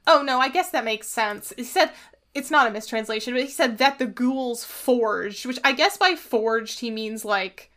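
Bright, high-voiced woman podcast co-host. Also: moderate pace. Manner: chatty, laughing, trails off in musing asides. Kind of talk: casual podcast chat.

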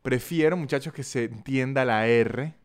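A man's voice: mid-range voice, moderate pace, smooth. A man with a Venezuelan Andean accent from San Cristóbal, hosting a solo podcast in a chatty, jokey, self-mocking way and talking straight to his listeners. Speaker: podcast host. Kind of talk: solo podcast monologue with read sponsor ads.

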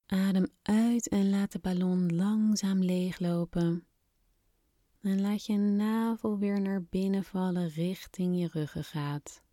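A woman softly and soothingly guiding a breathing exercise in calm, unhurried scripted instructions, slightly breathy at times. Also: medium pitch, no echo, clean studio sound. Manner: soft, soothing, unhurried instruction with long pauses. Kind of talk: guided relaxation exercise, scripted narration.

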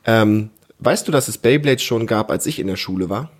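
A man in his thirties with a fairly low, lively voice speaks at a moderate pace. He co-hosts a family podcast as a parent, chatting casually with a child, explaining things simply and asking prompting questions.

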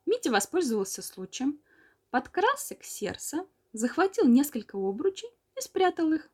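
Expressive woman reading a children's tale. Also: high voice. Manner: measured, expressive storytelling. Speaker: narrator. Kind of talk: reading a children's story aloud.

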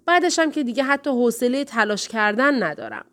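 A woman's voice: fairly high pitch, animated, fairly bright tone. Woman doing a hesitant anxious young boy. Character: young boy, anxious and reluctant about homework.

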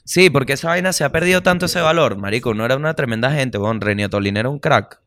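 A Venezuelan man hosts a casual comedic podcast at a mid pitch typical for a man. He talks in animated bursts, full of slang and swearing, breaking into little voices for the people he describes. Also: fast talker. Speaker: podcast host.

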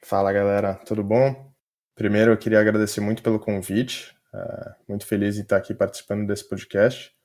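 A man with a Brazilian Portuguese accent, a software developer chatting casually as a podcast guest. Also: on the low side, flat delivery, fairly quick. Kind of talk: casual conversational interview answers.

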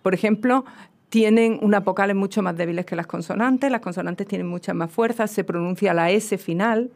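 A woman's voice: medium pitch, fairly quick, darkish tone. A woman with a southern Spanish accent, a guest expert explaining at length in casual chat with frequent restarts. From southern Spain. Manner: lecturing, many restarts and fillers.

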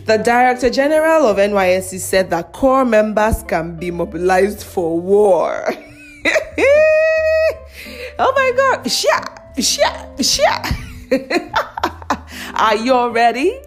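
A young Nigerian woman hosts a casual podcast, talking through the news with lots of laughter and mocking asides. Her voice is a little high and very animated, and she speaks slowly with frequent pauses while faint music plays.

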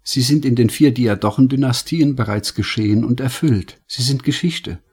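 A man's voice: medium pitch, moderate pace, a little mellow, slightly rough. A man voicing an earnest young man musing. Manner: thoughtful, musing inner monologue.

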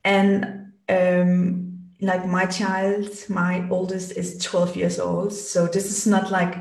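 A Danish woman in her thirties, a business strategist, is a podcast guest speaking casually in interview talk, full of fillers and restarts. Her voice is fairly low, monotone, slow, creaky and a little mellow, recorded in an echoey room a bit far from the mic.

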